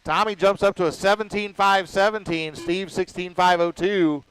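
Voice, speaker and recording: A man announcing a radio-controlled car race, rattling off lap counts and times in a casual, quick-fire way. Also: sits high, fairly even intonation, fairly bright tone, a little hiss or hum, poor audio. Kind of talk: live race commentary.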